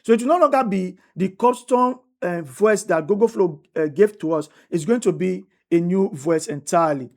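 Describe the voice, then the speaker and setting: A female instructor speaks in a low, slightly mellow voice at a moderate pace with few pauses while walking through a screen-recorded tutorial. She repeats each step and often asks "right?" to check in.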